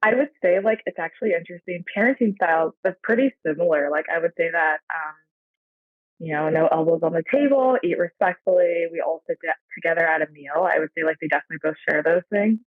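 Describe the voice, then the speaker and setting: An American woman from the San Francisco Bay Area, guesting on a podcast, chats casually and reflectively, rambling with plenty of fillers. Her voice is low-pitched and fast. The line sounds tinny, phone-like, and dry.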